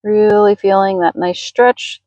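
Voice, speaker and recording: A woman yoga instructor leading a slow, gentle class in a careful, unhurried way. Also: medium pitch, fairly even intonation, no room sound, highs cut off.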